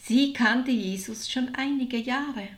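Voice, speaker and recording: A woman narrating a children's storybook in a slow, expressive way. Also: fairly high pitch.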